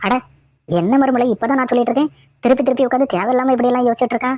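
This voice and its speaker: A woman's voice: on the high side, racing, lightly acted. A woman voicing a nagging cartoon mother-in-law. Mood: scolding. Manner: scolding, repetitive nagging. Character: scolding middle-aged mother-in-law, nagging and fussy. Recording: dull lo-fi dry audio.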